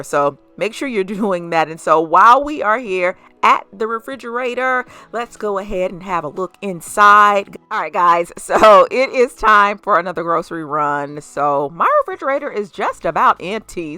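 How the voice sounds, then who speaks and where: Chatty vlog lady, lispy whistly s's, bright voice, really dry close sound. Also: medium pitch, clean tone, dry recording. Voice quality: lisping, whistly s sounds from new braces. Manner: chatty, addresses viewers as guys. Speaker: host of a home and lifestyle vlog. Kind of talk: casual vlog narration.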